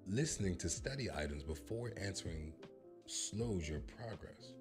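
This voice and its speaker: Speaking a little slowly over music, this American man in his thirties has a low-sitting voice with lively intonation. He offers playful reaction commentary on a language-learning app, joking and bragging into a handheld microphone in a purple-lit home studio.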